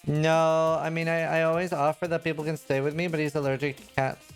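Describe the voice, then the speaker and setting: A man's voice: a little high, level tone, a little fast, faint music behind. A man from Norway, a game streamer rambling in casual chat, full of fillers and restarts.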